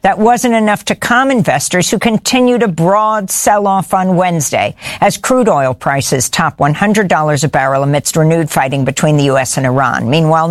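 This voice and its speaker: A woman hosting a news program, reading headlines in a measured, even newsreader delivery. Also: lowish voice, dry recording, clean studio sound. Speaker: news host.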